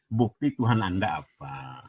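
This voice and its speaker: A husky-voiced man whose pitch swings widely as he argues, with insistent and repetitive lines that demand to be heard. The audio is dull and lo-fi, like a low-quality online stream. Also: big pitch swings, unhurried, no room sound. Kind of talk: heated live debate.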